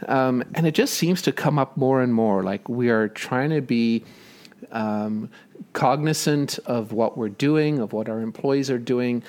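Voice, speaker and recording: A man hosts a podcast interview in a relaxed, conversational way. He leads into his questions with a loose setup and plenty of ums. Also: medium pitch, a little slow. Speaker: podcast host.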